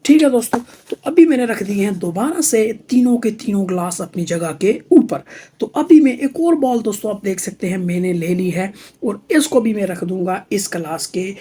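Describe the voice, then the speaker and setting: A man with a husky voice demonstrates magic tricks to camera in the hyping, repetitive showman patter of a kids' party magician. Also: high-pitched, lively intonation, moderate pace, dark tone. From Pakistan.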